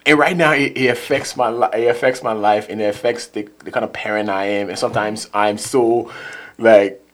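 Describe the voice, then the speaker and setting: A man's voice: lowish voice, steady tone, moderate pace. A middle-aged man from Liberia with a Liberian accent, speaking as a therapist guest in a casual conversation, often repeating words as he searches for phrasing.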